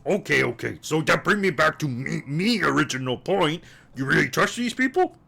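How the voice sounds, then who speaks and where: A man's voice: a little high, animated, normal speed, gravelly, sharp tone, husky, full character voice. A man voicing a blunt male warrior who speaks in clipped, broken English.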